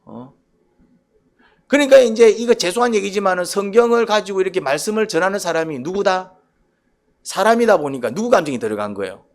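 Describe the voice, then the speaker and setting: A male pastor preaching a sermon in a church, animated, often asking the congregation questions. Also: high voice, a little fast.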